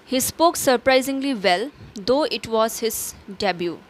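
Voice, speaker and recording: A woman's voice: on the high side, lively intonation, measured pace. A woman teacher explaining grammar step by step, asking and answering her own questions, with fillers and self-corrections. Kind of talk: recorded grammar lesson.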